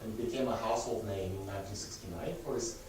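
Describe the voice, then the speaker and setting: A man with a lowish voice talks fast while leading an adult church history class, speaking casually with many fillers and self-corrections; English isn't his first language. The recording is noisy and echoey, captured from far off.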